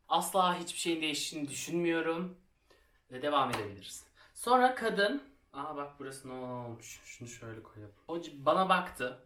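A man's voice: on the high side, bright, forceful tone, slight background noise. A young man vlogging while he makes a craft project, telling a school story in a chatty, self-mocking way and laughing often. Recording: roomy, somewhat distant from the mic.

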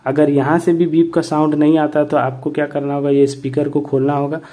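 A man explaining a repair step by step in a plain tutorial manner, often pausing to check in with viewers. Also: on the high side, level tone, dark tone. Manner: plain explanatory, repeats "ठीक है" and "दोस्तों".

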